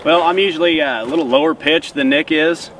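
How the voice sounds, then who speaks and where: A man's voice: a little high, fairly quick, vocal fry, fairly bright tone. A man giving casual hunting instruction as one of a team of callers. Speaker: goose-calling instructor and hunter. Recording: slightly distant, faint outdoor noise.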